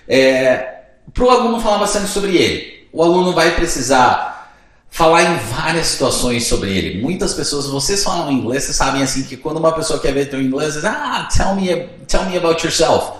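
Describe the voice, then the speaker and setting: A young Brazilian man teaching in a relaxed, chatty way, his voice lively and rising and falling a lot. He speaks a little high for a man and walks through each step, sometimes playing both student and teacher. The room rings with a strong echo. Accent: Brazilian Portuguese. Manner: chatty, explains step by step and acts out student dialogues. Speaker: English teacher. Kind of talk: casual teaching video. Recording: very echoey room.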